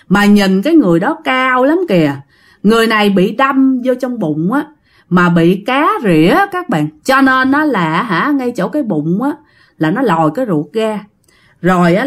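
A woman telling a ghost story in a chatty, casual way, often talking straight to her listeners. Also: mid-range voice. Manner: chatty, addresses the listeners directly.

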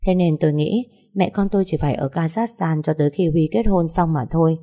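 Casting: woman audiobook narrator, low-pitched, measured and sorrowful first-person telling. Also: warm tone.

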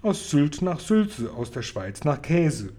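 A man's voice: fairly high pitch, sing-song, takes it slowly, dark tone. A man voicing a clever little girl who answers dryly and patiently while reading a storybook aloud. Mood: knowing. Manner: dry, patient, slightly weary.

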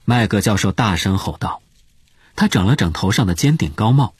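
Casting: male storyteller, deepish animated voice, expressive scripted audiobook narration. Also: moderate pace, slightly rough, dry recording.

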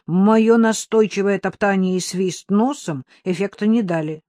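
A woman narrating a storybook in the first person as a playful dog, with an expressive reading. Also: medium pitch, a little slow, no echo, clean studio sound. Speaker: audiobook narrator.

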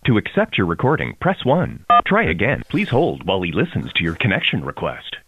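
Brief: male automated phone system voice, spliced-together prompts, pitch leaps wildly from word to word, tinny phone line. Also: huge pitch swings, a little fast. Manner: stilted, jumps in pitch between spliced words. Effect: prerecorded phone prompts with spliced together words. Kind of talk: automated phone menu announcements.

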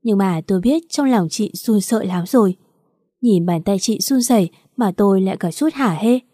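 A woman reads a first-person story in an even, unhurried manner. Her voice is mellow and dark-toned. The recording is dry and close. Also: mid-range voice, no room sound. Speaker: narrator.

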